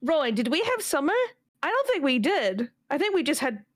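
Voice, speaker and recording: A Scottish woman talks in a relaxed chat with friends, her voice sitting a little high. She explains things at length and breaks into laughter easily. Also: brisk. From Scotland. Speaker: streaming guest. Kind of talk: casual chat.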